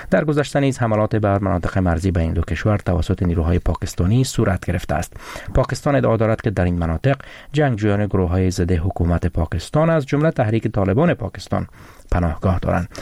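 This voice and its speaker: A low-voiced male anchor with a gravelly, creaky edge. He reads scripted news in a measured, formal way. The sound is dry and close, with no room around it. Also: darkish tone, dry recording. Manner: measured, formal newsreader delivery.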